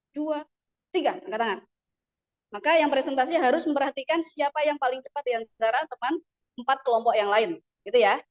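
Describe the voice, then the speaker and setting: A woman's voice: high voice, highs cut off. A woman teaching an Arabic class, patiently explaining the rules and modelling pronunciation. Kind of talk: classroom instruction.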